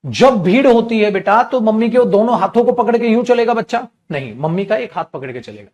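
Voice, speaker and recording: Male grammar teacher, high-pitched, animated, coaxing online lecture delivery. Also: lo-fi sound. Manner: animated, addresses students as "beta"; drawls sentences slowly while writing. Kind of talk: online exam-prep lecture.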